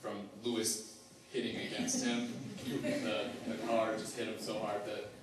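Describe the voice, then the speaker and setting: A young man giving a personal testimony as a student, halting, with many fillers and restarts. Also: on the low side, little pitch movement, background noise. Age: young adult. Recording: echoey hall, mic far off, faint ambience.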